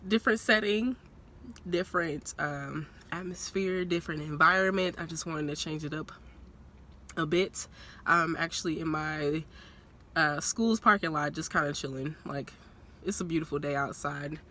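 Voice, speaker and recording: A woman's voice: low-pitched, normal speed, pushed and bright. Chatty young woman with a stuffy cold. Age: young adult. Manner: chatty, rambling, laughs often. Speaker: vlogger. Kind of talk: casual talking-head vlog. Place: parked car. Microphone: phone propped on a purse.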